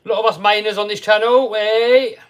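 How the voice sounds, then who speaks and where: A man's voice: sits high, steady tone, quick pace, fairly bright tone. A man hosting a casual livestream, chatting easily, laughing often and reading out viewers' questions. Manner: chatty and easygoing, laughs often, reads chat questions aloud. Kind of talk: casual live chat.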